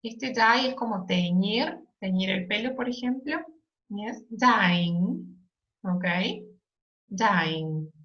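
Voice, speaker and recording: A woman teaching an English lesson, explaining slowly and patiently and checking in often with "yes?" and "ok?". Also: mid-range voice, fairly bright tone, lo-fi sound. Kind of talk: recorded online lesson.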